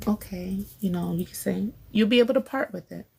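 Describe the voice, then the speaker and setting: A woman in her forties with a gravelly, creaky voice that sits at a middle pitch. She chats casually on a faith-based podcast, encouraging listeners and breaking into laughter often. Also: fast talker, darkish tone. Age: 40s. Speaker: podcast speaker.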